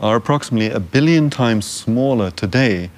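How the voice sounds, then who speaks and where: A middle-aged man, a researcher, explaining his work in an interview in a lab in a measured way. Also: mid-range voice, expressive, a little mellow. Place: lab with machinery.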